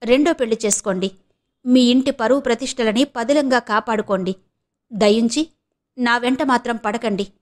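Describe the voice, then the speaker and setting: Woman reading as a defiant sharp-tongued young wife. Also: fairly high pitch, moderate pace, natural voice. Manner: cutting, sarcastic retorts.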